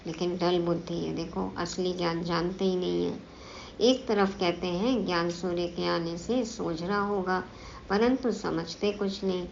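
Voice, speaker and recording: Slow, low-voiced woman teaching a spiritual class. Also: fairly even intonation, gravelly. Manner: slow, explanatory, repeats points to make them sink in. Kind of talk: reading and explaining a spiritual discourse. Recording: dull lo-fi recording with faint background noise.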